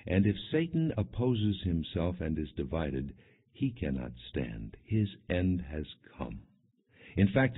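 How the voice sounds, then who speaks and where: In this non-dramatized audiobook reading of scripture, the narrator's voice is very deep and husky. He reads from a script in a solemn, measured manner, though the audio comes across muffled and lo-fi.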